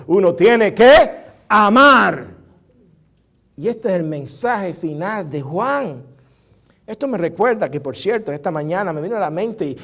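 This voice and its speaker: High-voiced male pastor preaching. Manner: preaching with drawn-out emphatic words, shifting from hushed to loud; chatty asides to the congregation. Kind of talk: sermon.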